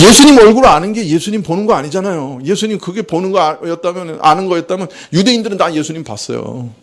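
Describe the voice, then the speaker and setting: A man preaching a sermon as pastor, asking rhetorical questions and answering them himself, acting out quoted speech. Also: high voice. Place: church.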